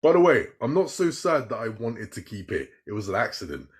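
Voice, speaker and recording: A man's voice: medium pitch, big pitch swings, fairly quick. A man hosting a casual chat show, talking with rambling enthusiasm and swearing freely. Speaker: podcast host.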